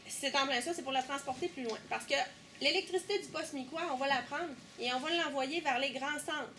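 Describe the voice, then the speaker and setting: A young woman with a Québécois accent guiding a tour group through an underground power station, lively, asking questions and teasing. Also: high voice, fairly quick, slight background noise. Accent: Québécois French. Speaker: tour guide. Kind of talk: guided tour explanation.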